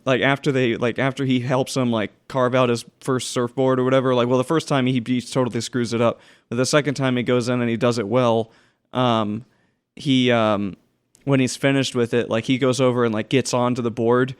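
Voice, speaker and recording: A man's voice: mid-range voice, fairly even intonation, fairly quick, clean tone. A young man in casual chat, his voice sitting in an ordinary middle register. He rambles, restarts sentences and strings thoughts together loosely as a podcast co-host. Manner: rambling, many restarts and fillers.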